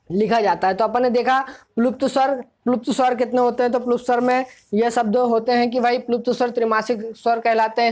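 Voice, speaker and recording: A woman teacher gives an exam-prep grammar lesson in a fairly high voice. She drills the material by asking a question, answering it herself and going over each point again. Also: a little mellow. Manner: asks the class questions and answers them, repeats key points; explanatory, drilling tone.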